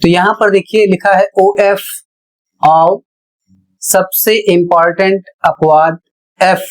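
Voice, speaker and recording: Slow, deliberate pronunciation teacher. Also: mid-range voice, fairly even intonation, rough recording. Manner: spells words letter by letter, deliberate and explanatory. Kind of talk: pronunciation lesson.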